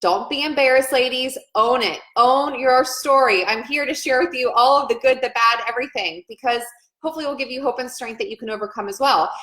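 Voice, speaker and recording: A woman's voice: high-pitched, a little fast, pushed and bright. A woman in her thirties, a nurse, sharing her own story earnestly and emotionally, repeating phrases as she goes. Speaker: nurse and vlogger. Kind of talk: personal testimony vlog. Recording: echoey room.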